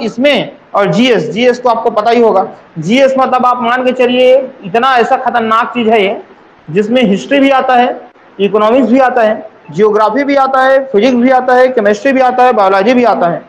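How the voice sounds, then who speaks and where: Man, coaching teacher, very high voice, repeats points, rhetorical questions. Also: low-quality recording. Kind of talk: exam coaching class.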